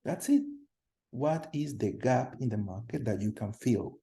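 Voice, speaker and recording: A man from Colombia in his thirties teaching a class over a video call, energetic, often repeating words and putting questions to the students. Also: medium pitch, measured pace, gravelly. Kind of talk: online class lecture. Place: home room on a video call.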